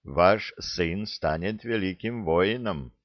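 A composed young warrior, as a man acts him out, courteous and formal in his words. The low, slow voice is recorded close and dry, with a slightly muffled sound. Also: no echo.

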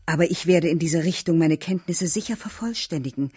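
A man's voice: fairly high pitch, a little fast, a little mellow, slightly rough, pitched above the performer's own voice. A man reading an audiobook, voicing a curious, talkative young woman lodger with an inquisitive, lightly mocking manner. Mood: curious, teasing.

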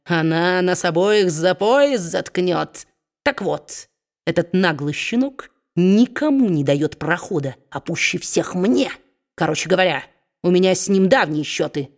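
A spiteful, boisterous dwarf of a man, slow and drawn out in his sneering, as a woman narrator puts him on for a storybook reading. The voice sits fairly low. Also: expressive.

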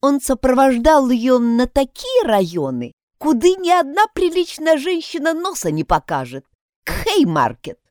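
A woman's voice: high-pitched, huge pitch swings, unhurried, a little mellow, no room sound, studio quality, pitched above the performer's own voice, heavily acted. A woman voicing an emphatic, self-assured young housemaid who loves gossip, in an audiobook. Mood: knowing.

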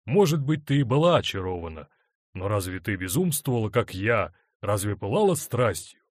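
A man's voice: fairly low pitch, very animated, normal speed, no echo, studio quality. A man voicing a hurt, wry husband. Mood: stern. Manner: bitter, wry, controlled. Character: hurt middle-aged husband, wry and stern.

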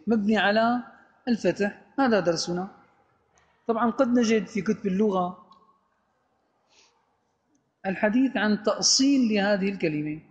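A man lecturing on Arabic grammar, asking rhetorical questions and answering them himself, reading quoted text slowly and deliberately. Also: high-pitched. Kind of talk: lecture explaining a grammar book. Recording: dull lo-fi audio with long hall reverb.

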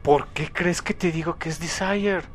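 A man co-hosting a casual comic review chat, animated and acting out characters' lines. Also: a little high. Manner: animated, acts out characters' lines in quick voices. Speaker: podcast co-host.

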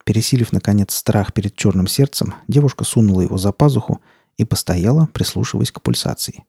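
A man narrating an audiobook with steady, measured reading. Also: on the low side, creaky, slightly rough, no room sound, clean studio sound. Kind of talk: scripted narration.

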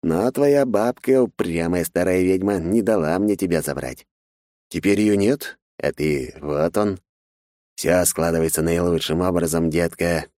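A man's voice: low-pitched, dark tone, no echo, studio quality. A man reading as a gloating, sadistic sorcerer. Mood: menacing. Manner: slow, mocking, menacing. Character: cruel grown male sorcerer, gloating and sadistic. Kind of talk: audiobook character reading.

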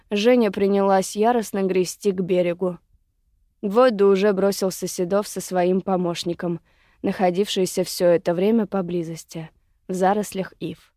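A woman narrating an audiobook in a steady, even way. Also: mid-range voice, normal speed, dry recording, studio quality.

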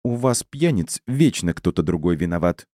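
A man voicing a sharp-tongued middle-aged mother who scolds and reproaches, in audiobook narration. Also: sits low, very animated, normal speed, no echo, clean studio sound. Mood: reproachful. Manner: reproachful, snappish.

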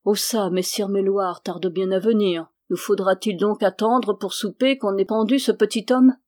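A woman's voice: mid-range voice, fairly even intonation, moderate pace, darkish tone, no room sound, studio quality, natural voice. Woman reading an impatient jeering soldier. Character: impatient mocking soldiers, men.

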